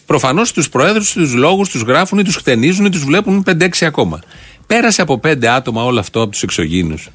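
A man's voice: fairly high pitch, sing-song, fairly bright tone, breathy edge. A man co-hosting a satirical chat show, picking apart political gaffes with mocking analysis and frequent laughs. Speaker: co-host.

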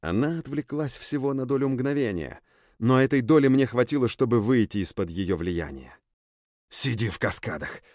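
A man narrating a dark audiobook in the first person, expressive and intense. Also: medium pitch, normal speed, dry recording, studio quality.

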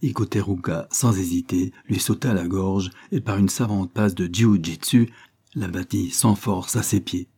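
A man reading an adventure novel aloud as narrator in a measured, dramatic way. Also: low voice, warm tone. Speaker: audiobook narrator.

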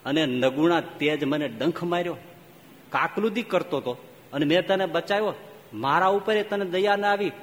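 Fable figure: indignant man scolding an ungrateful snake, played by a male preacher; slightly high voice, echoing hall. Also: normal speed, lightly acted. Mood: reproachful. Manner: reproachful, scolding.

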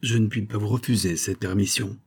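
A man's voice: on the low side, fairly even intonation, a little fast, gravelly, slightly rough. A man voicing a cold, rival army commander in an audiobook, curt and formal.

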